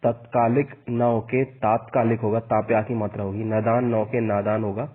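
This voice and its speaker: A man teaching a spelling lesson for an exam, slowly spelling out each vowel sign and repeating the corrections. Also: fairly low pitch, flat delivery. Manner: slow and repetitive, spelling out vowel signs. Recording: tinny phone-like sound.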